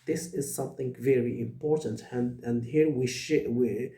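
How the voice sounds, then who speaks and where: A man from Morocco, speaking as an in an earnest vlog monologue, pausing often with fillers. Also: medium pitch, steady tone, warm tone, reverberant. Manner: earnest, many hesitations and fillers. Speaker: vlogger. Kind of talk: direct-to-camera monologue.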